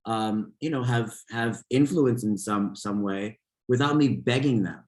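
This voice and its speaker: A man's voice: lowish voice, a little slow, a little mellow, reverberant. A man guesting on an interview podcast, talking casually and rambling with many restarts and fillers. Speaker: podcast guest, fitness instructor.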